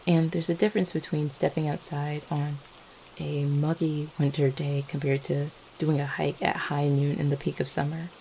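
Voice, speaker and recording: In this ASMR roleplay a woman voices a gentle vampire girlfriend whose deep, mellow speech carries a creaky, gravelly edge. Speaking at an ordinary pace, she gently explains with tender, hesitant warmth, offering affection and reassurance. The audio is poor, with steady rain pattering faintly in the background.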